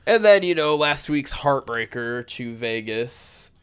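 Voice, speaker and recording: A man of middle pitch with a smooth, resonant voice, hosting a casual sports betting chat. He talks bluntly and easily, swears now and then, and sounds sick, as if he is losing his voice. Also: lively intonation, measured pace, fairly bright tone. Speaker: podcast co-host.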